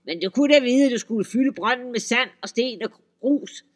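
A man's voice: extremely high pitch, voice pushed up. A man voicing a big, furious troll master who screams and bellows while insisting he is not angry, read in a folk-tale audiobook.

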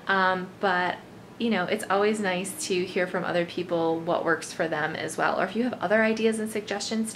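A woman's voice: medium pitch, slight background noise. A young woman talking through a home cleaning demo, chatty and casual with lots of ums and likes. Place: home living room.

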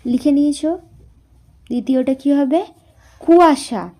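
A woman's voice: high voice, measured pace, mellow. A woman teaching a class lesson, spelling words out syllable by syllable and answering her own questions.

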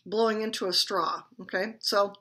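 A woman's voice: medium pitch, fairly even intonation, normal speed, very noisy. A woman teaching beginner clarinet, explaining and demonstrating in a friendly, chatty way and laughing at her own slips. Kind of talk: instructional demonstration.

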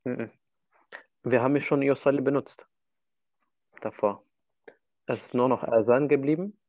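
A man's voice: medium pitch, moderate pace, darkish tone, no echo, muffled recording. A man teaching Arabic in a one-to-one online lesson, patiently walking his student through each answer.

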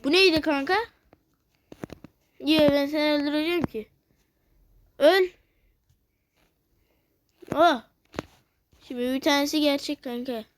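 A woman giving casual let's-play commentary, cursing, teasing and reacting loudly to the game. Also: high voice, moderate pace, pauses often, slight background noise. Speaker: gamer playing a video game.

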